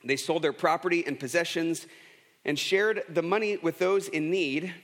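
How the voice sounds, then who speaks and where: Speaking at an ordinary pace in a voice on the high side and a bit bright, a pastor in his thirties shares stories in a casual, chatty sermon. He's self-deprecating and restarts a lot, and the church sanctuary gives the recording a long reverb.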